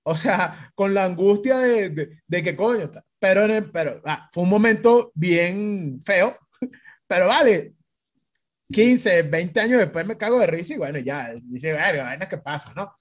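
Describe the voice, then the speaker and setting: Venezuelan man, casual storyteller, high voice, swings through voices and laughs a lot. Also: unhurried. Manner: animated storytelling, acts out quoted voices, laughs often. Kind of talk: casual chat.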